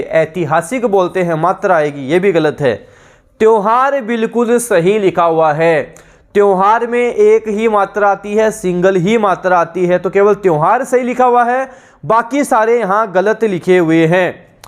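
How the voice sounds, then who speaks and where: A man with a fairly high voice and a Rajasthani accent, teaching an exam-prep lesson. He repeats each answer and runs through word lists in a steady, drilling rhythm.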